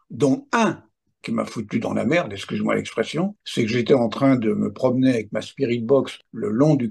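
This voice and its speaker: In a mid-range, darkish voice with a breathy edge, a septuagenarian interviewee emphatically relates personal paranormal encounters. He sprinkles in asides like "hein, attention" as he tells his story.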